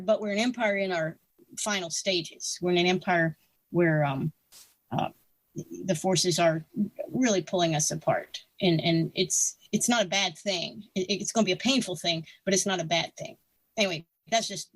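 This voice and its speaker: A woman's voice: mid-range voice, no room sound. Outspoken sixty-year-old woman, dry sound. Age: 60s. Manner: frank, opinionated, with many restarts and fillers. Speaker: podcast guest. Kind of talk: casual interview talk.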